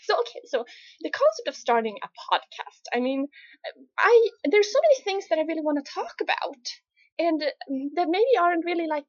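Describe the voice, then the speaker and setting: Swedish woman podcasting, high bouncy voice, dry dull lo-fi sound. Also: normal speed, dry recording. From Sweden. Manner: giggly, animated, often laughing between phrases. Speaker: podcast co-host. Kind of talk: casual chat.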